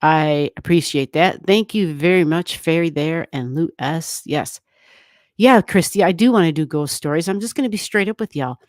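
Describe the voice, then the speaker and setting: Chatting casually with viewers during her astrology livestream, a woman rambles and laughs often in a low, slightly mellow voice at a moderate pace. She's in a home room without soundproofing, on a desk microphone set halfway down. The sound is clean and studio-like, with no echo.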